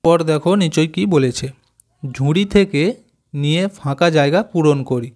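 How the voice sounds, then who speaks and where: A man's voice: fairly high pitch, darkish tone. A man teaching young children a reading lesson, sounding out words syllable by syllable and often checking that they follow. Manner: slow, syllable-by-syllable explaining with frequent check questions.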